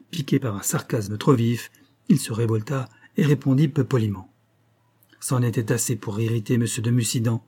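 A man narrating a classic novel as an audiobook, in a measured, dramatic storytelling manner. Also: mid-range voice, dark tone, slightly rough.

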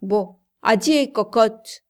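A woman reading the part of a gentle, tender male plantation overseer in an audiobook, soft and pleading. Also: mid-range voice, takes it slowly, close to an everyday voice. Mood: playful teasing.

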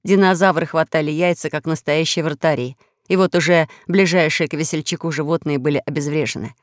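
A woman narrating a children's audiobook story with expressive storytelling. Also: deep voice, fairly quick, dry recording, studio quality.

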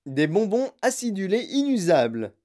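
A narrator voicing an excitable, eccentric grown-man candy-maker who talks in boastful, bouncy exclamations. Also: medium pitch, normal speed, pitched above the performer's own voice, lightly acted. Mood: boastful, excited.

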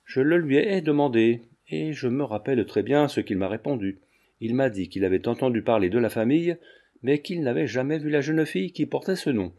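A man voicing a guarded, polite young man who speaks in measured tones, read from a classic novel. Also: mid-range voice, dark tone, close to an everyday voice.

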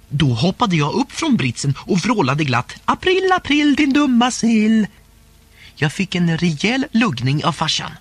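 A man narrating a humorous first-person diary story aloud in a playful, expressive way. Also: a little high, slightly rough, no room sound. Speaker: audiobook narrator.

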